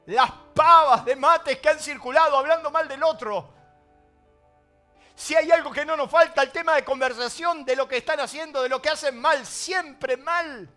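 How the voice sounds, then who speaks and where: A man with a Rioplatense Spanish accent preaching a sermon as pastor, swinging between loud emphasis and hushed asides. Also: very high-pitched, moderate pace, faint music behind.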